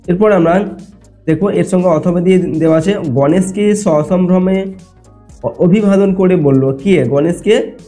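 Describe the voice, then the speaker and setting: Man teacher, slightly high mellow voice, patient and step-by-step, soft music underneath. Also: unhurried. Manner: explanatory, checks in often with "ঠিক আছে?". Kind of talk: exam answer walkthrough lesson.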